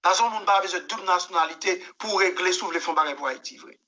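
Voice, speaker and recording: A man with a Haitian accent, speaking in a high, very bright and piercing voice. He answers interview questions emphatically, doubling words and acting out what others said. The broadcast audio sounds somewhat dull and lo-fi. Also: fast talker. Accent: Haitian Creole. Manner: emphatic, repeats words, tells anecdotes with quoted dialogue. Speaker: musician guest.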